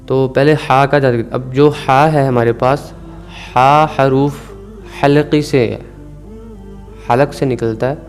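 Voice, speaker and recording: Man teaching Quran recitation, slow drawn-out examples. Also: mid-range voice, fairly even intonation, soft background music. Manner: explains patiently, stretches out the recited words slowly to demonstrate. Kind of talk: tajweed lesson.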